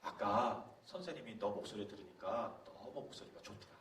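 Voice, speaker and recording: A middle-aged man, a pastor, telling a story to a youth leaders' camp in a lively, storytelling way. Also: fairly low pitch, normal speed. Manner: animated storytelling, acting out quoted voices. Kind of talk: sermon-style talk at a youth leaders' camp. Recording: roomy hall from a distance, faint background noise.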